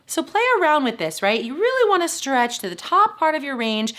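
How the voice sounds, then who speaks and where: A woman's voice: sits high, sing-song, brisk, noisy background. A woman teaching as a voice coach, upbeat and encouraging as she talks students through vocal exercises. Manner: upbeat and encouraging, checks in with "right?". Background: piano accompaniment.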